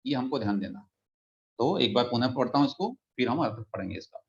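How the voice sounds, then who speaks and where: A man teaching a religious text in an online class, patiently explaining pronunciation and slowly chanting verses. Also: mid-range voice, expressive. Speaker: scripture teacher. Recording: dull lo-fi audio.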